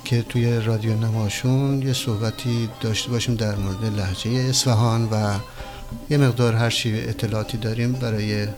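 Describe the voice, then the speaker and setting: A man speaks as a radio guest. His voice is low and very even, and music plays clearly behind his conversational introduction.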